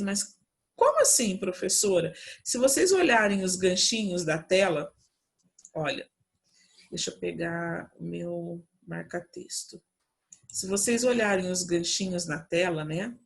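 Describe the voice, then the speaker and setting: A Brazilian woman who teaches Portuguese, giving a class from home and explaining step by step with frequent checks on her students. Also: mid-range voice. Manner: explains patiently, lots of checking "né?" and "tá?".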